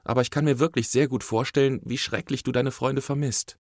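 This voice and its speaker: Brief: a man reading a patient, gentle mother in a storybook, soft and warm-toned, dry close sound. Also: medium pitch, fairly even intonation, brisk, dry recording, voice pushed up, natural voice. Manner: soft and soothing, briefly stern.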